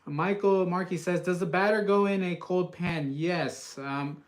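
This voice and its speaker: A man's voice: high voice, measured pace. Chatty man hosting a live cooking stream. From US West Coast. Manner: casual, rambling, many uhs, reads viewer comments aloud. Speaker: cooking channel host.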